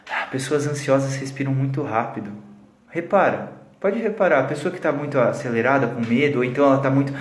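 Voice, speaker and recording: A man with a Brazilian accent, a psychologist giving a lively live talk on communication and acting out the voices he quotes. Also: mid-range voice, roomy sound. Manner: animated, acts out quoted voices.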